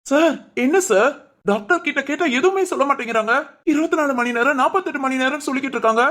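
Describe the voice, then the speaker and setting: A woman's voice: sits high, lively intonation, fast talker, fairly bright tone. A woman voicing a loyal young male friend in a Tamil cartoon drama, soothing and reassuring.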